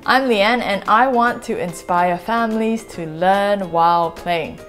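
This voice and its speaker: A woman in her forties from Singapore hosts a family board game channel, giving clear, measured, upbeat scripted narration in a mid-range voice over music. She is recorded indoors in a home living room.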